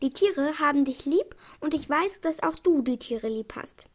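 A woman's voice: sits high, expressive, unhurried. A woman voicing a shy two-headed creature. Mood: earnest.

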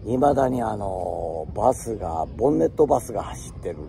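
Lively storyteller with a Tokushima dialect. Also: male voice, on the low side, moderate pace, gravelly. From Tokushima, Japan. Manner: lively, acts out quoted voices, laughs often. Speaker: host. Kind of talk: casual storytelling.

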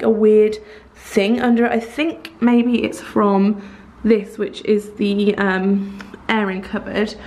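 A woman's voice: on the high side, darkish tone. Chatty woman giving a house tour. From England. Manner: chatty, fond, many ums and likes. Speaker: vlogger. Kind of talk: casual house-tour vlog. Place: empty house, small bare rooms. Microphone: handheld camera at arm's length.

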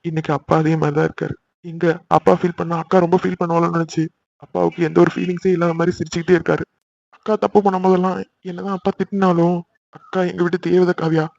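A man's voice: sits high, little pitch movement, fast talker, creaky, darkish tone, dull audio. A man voicing a young brother who bickers with his sisters in a cartoon, exasperated and chatty. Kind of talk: cartoon voice acting.

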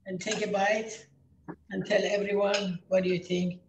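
A woman's voice: medium pitch, flat delivery, normal speed, slight background noise. A woman with a Persian accent, a native Persian speaker, cheerfully talking through a cooking demonstration and laughing often. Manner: cheerful, laughs often, warm enthusiasm about food. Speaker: cookbook author giving a cooking demo. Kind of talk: casual cooking demonstration talk. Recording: echoey room.

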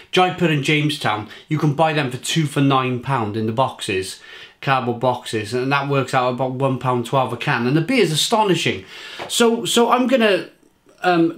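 A man with a British accent doing a casual beer review to camera, rambling through restarts and listing flavours with enthusiasm. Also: medium pitch. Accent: British English. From England.

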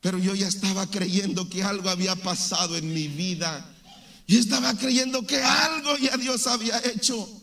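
A man's voice: sits high, normal speed, vocal fry, bright, forceful tone. A man from Mexico, giving a fervent church testimony and often calling listeners brother.

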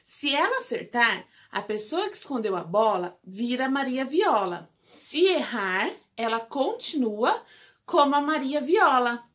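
Brazilian woman, teacher, small-children lesson, bright tone, high-ish voice. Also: very animated. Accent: Brazilian Portuguese. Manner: slow, drawn-out syllable drills for small children. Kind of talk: remote lesson for young children.

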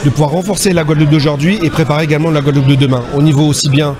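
A man giving an earnest, explanatory press interview at an indoor event, with filler pauses. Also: a little high, steady tone. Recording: music underneath.

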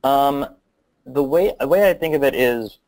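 A man fields questions on a webinar in a loose, unscripted way. He stops and restarts often and fills gaps with "uh" and "um", at a middling pitch. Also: unhurried, darkish tone, low-quality recording. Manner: hesitant, many fillers and restarts. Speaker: guest marketing expert. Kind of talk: webinar Q&A answers.

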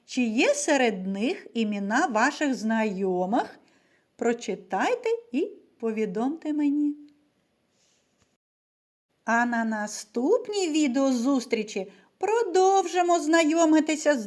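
A woman teacher giving a video reading lesson to young children, with slow, patient step-by-step instruction, asking them questions and calling them little ones. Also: high-pitched, expressive, darkish tone. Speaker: primary school teacher.

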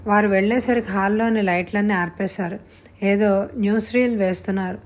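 A woman narrating a story in a steady, measured reading voice. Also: mid-range voice.

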